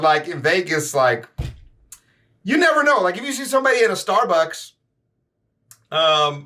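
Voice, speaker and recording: Bright, animated American man reacting casually. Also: on the high side. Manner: animated, slangy, exclamatory. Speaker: reaction video host.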